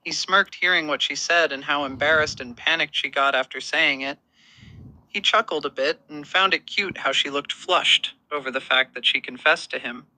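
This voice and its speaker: A man reading a romance story as narrator, in an even, steady storytelling manner. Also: fairly high pitch, normal speed, low-quality recording.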